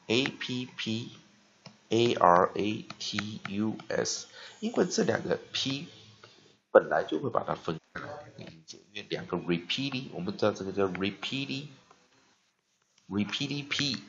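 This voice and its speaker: A male English teacher giving a vocabulary lesson, spelling words letter by letter and repeating them slowly. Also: medium pitch, gravelly, muffled recording.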